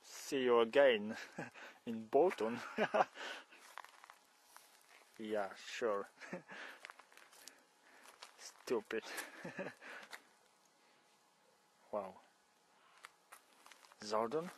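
Speaking extremely slowly with long pauses, this young man from Poland has an expressive, mid-range voice. He's a cyclist vlogger on a forest trail and fields, joking through a one-sided phone call in Polish-accented broken English and exclaiming in shock. Recorded on a camera held close at arm's length, the clip carries slight background noise.

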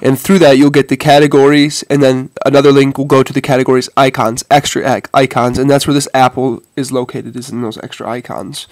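A man's voice: medium pitch, level tone, a little fast, few pauses, no room sound. A man sick with a head cold and a stuffy nose, giving a casual, hesitant tech tutorial to viewers. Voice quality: congested, stuffy-nosed. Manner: hesitant, informal, addresses viewers as "guys". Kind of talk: casual phone demonstration.

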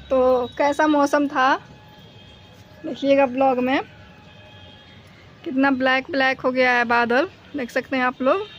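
Woman, high voice, flat tone, casual rooftop vlog, chatty and repetitive, phone recording, faint outdoor noise. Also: lo-fi sound. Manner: chatty, repeats herself, talks to her dog. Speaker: vlogger and dog owner. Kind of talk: casual vlog narration to viewers. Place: rooftop outdoors during thunderstorm. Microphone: phone camera.

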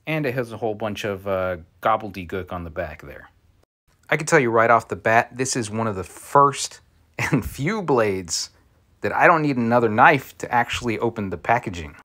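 A fairly low-pitched man talks through a casual tool review. He keeps it relaxed and slips in wry, joking asides as he goes. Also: normal speed.

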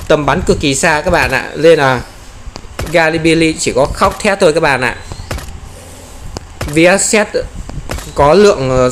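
Excitable man commentating a mobile game. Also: on the high side, a little hiss or hum. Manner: exclaims often, taunts enemies playfully. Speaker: gameplay commentator.

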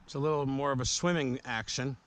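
A middle-aged man speaks a little fast in a mid-range voice with fairly even intonation. Fishing with a boy from a small river boat, he chats, coaches, and encourages him in an easygoing way for a casual outdoor vlog. The recording comes from an action camera mounted on the boat, with faint outdoor noise.

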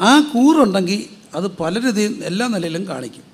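A man's voice: sits high, lively intonation, a little fast. A male pastor preaching a sermon, asking the congregation questions and having them repeat answers.

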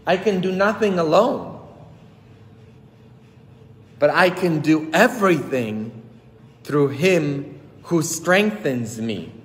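A man in his thirties, a priest giving a sermon on a headset mic, preaching emphatically with big swings in pitch and loudness. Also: lively intonation, slow pace, long pauses. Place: church sanctuary with long reverb. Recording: hall reverb from church.

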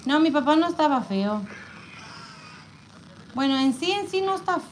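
A woman's voice: high-pitched, normal speed, poor audio. A young woman recovering from neck surgery, cracking jokes in casual family chat that mixes Spanish and English. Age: young adult. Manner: wisecracking, joking. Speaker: patient after neck surgery. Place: hospital room. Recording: hospital room with steady background noise.

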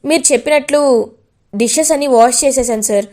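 A woman's voice: high-pitched, quick pace, darkish tone, lightly acted. A woman voicing a polite, deferential young male writer in a retold serial. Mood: apologetic. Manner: deferential, apologetic.

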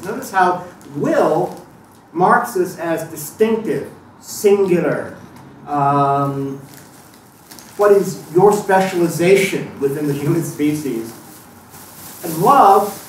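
A lecturer on Thelema gives a live talk to an audience in a lecture room, thoughtful and digressive, with frequent restarts and fillers. His voice is a little high and sits far from the mic, recorded from afar in an echoey room with faint noise.

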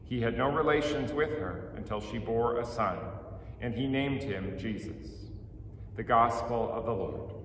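A middle-aged man, a priest, speaking solemnly and in measured phrases at a church service, his voice carrying a cathedral-like echo. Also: medium pitch, a crowd in the background. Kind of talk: liturgical chant, gospel reading and homily. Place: indoors in a church. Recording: echoey church hall, distant, noisy background.

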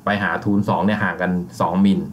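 A man teaching a software tutorial, calmly explaining each step with frequent polite fillers. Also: low-pitched, a little fast. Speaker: software instructor. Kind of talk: screen-recorded software tutorial.

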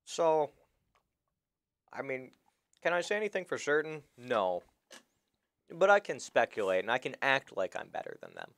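A man's voice: medium pitch, very animated, normal speed, long pauses, fairly bright tone, dry recording. A young man casting an esports match, explaining the game in an analytical way while he chews his food. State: talking while chewing food. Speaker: esports caster.

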